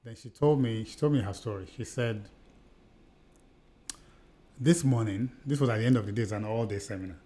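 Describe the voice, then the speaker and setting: With a lowish, mellow voice, he talks a little fast but leaves long pauses. He is a middle-aged Nigerian-raised podcast co-host with a Nigerian accent whose earnest, conversational stories are peppered with repeated and restarted phrases.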